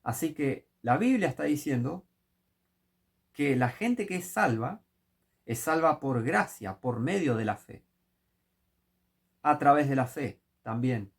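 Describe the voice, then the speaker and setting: Gravelly-voiced preacher man. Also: medium pitch, animated, takes it slowly, long pauses. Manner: emphatic, with rhetorical questions. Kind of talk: sermon.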